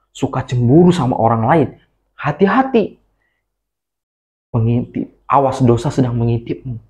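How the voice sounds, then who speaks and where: A man from Indonesia telling a Bible story to children, animated and talking straight to the kids. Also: medium pitch. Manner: animated, addresses children directly.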